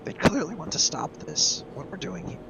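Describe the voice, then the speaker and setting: Lively, higher-voiced man bantering over a game. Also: moderate pace. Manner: excitable, slangy, repeats words. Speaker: tabletop game player. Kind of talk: casual chat during a game. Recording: clear background noise.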